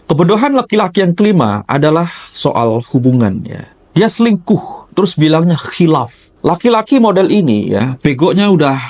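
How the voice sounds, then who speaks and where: A man's voice: a little high, big pitch swings, normal speed, darkish tone. A man giving a blunt motivational rant, scolding and crude as he confronts the listener. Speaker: motivational speaker.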